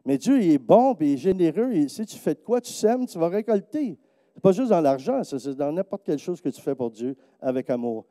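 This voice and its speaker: A man's voice: a little fast, dry recording. A man preaching with a Quebec French accent, telling stories and acting out the people in them. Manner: lively storytelling, acting out quoted people in a higher voice. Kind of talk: sermon testimony. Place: church.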